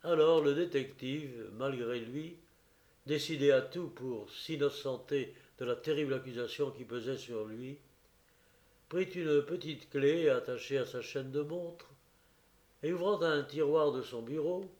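A man narrating a classic novel as an audiobook in a slow, measured storytelling manner. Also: mid-range voice, darkish tone, roomy sound.

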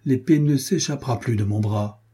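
A man's voice: mid-range voice, moderate pace, warm tone, husky. Man doing a proud young nobleman. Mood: earnest.

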